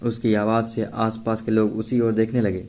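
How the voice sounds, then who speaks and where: A man's voice: fairly low pitch, moderate pace. A man giving a scripted story narration, telling a serialized romance and acting out every character himself. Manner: steady storytelling, acting out all voices.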